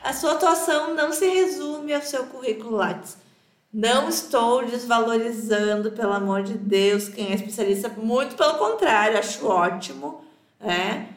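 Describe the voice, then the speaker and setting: A woman co-hosting a casual podcast chat, lively and teasing, laughing often. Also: on the high side, normal speed, reverberant. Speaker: podcast co-host.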